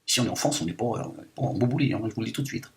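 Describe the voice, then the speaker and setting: This man's mid-range voice is creaky and natural, and he talks very fast. Voicing a self-proclaimed liberated woman for a satirical monologue, he rants indignantly in mock outrage, stuffing every line with fillers.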